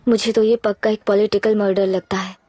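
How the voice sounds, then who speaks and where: A woman's voice: medium pitch, little pitch movement, a little fast, dark tone, dry recording, natural voice. Woman playing an earnest young woman. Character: young woman, niece pushing to reopen a case. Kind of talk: Hindi film dub.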